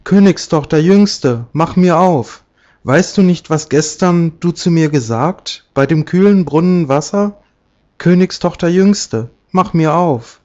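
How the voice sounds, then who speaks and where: Storybook frog, pleading and insistent, a man puts it on, a bit higher, dull lo-fi sound. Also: expressive, slow pace, a little mellow. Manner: coaxing, insistent calls. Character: pleading, persistent male frog in a well.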